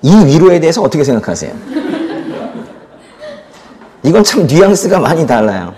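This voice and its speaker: A male pastor preaching a sermon in an animated storytelling manner, asking the congregation questions and acting out the lines he quotes. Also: fairly high pitch, fast.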